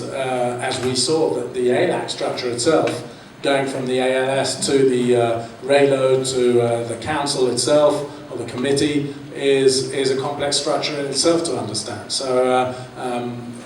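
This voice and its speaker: A man's voice: mid-range voice, little pitch movement, unhurried, few pauses. Hesitant man in an echoey conference hall. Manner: hesitant, many fillers. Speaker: audience member commenting. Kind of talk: conference Q&A comment. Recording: echoey hall from far off, room noise.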